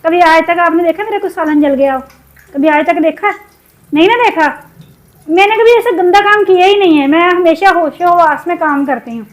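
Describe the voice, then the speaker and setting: A woman from Pakistan chatting in a cooking vlog, upset and venting, her throat sore from shouting. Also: very high-pitched, moderate pace, rough recording. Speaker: cooking vlogger. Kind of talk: casual cooking vlog chat.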